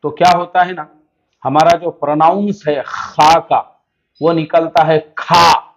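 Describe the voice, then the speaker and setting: A man from India teaches a beginner's Urdu lesson on reading the Arabic alphabet, patiently explaining and drawing out each letter's sound. His pitch is fairly high, and the audio quality is poor.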